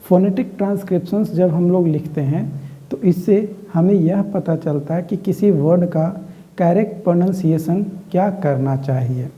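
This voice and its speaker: A man teaching a lesson on word stress, speaking slowly and repeating key words, with frequent checks on whether students are following. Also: high voice, warm tone. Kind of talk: classroom lecture. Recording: tinny phone-like audio.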